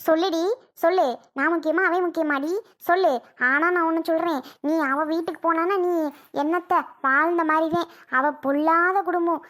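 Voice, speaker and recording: A woman's voice: very high voice, fairly even intonation, moderate pace, a bit bright. A woman playing a bitter, stubborn rural mother who scolds and demands answers in a family drama skit. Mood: scolding.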